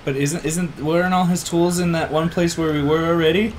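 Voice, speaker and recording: A man plays a video game with friends in a group let's play, cracking crude, goofy jokes in a casual way. His voice is a little high, fairly even in intonation, and brisk. The audio is poor, with crowd noise behind him.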